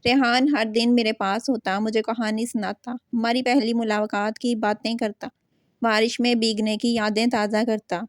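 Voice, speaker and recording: A woman storyteller reading a romantic novel aloud at a steady, even pace. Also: a little high, no room sound, clean studio sound.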